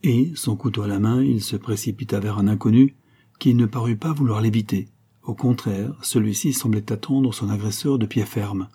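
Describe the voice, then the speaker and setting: A man reading a historical novel aloud in a steady, measured storytelling voice. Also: on the low side, slightly rough. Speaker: audiobook narrator. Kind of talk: scripted narration of a historical novel.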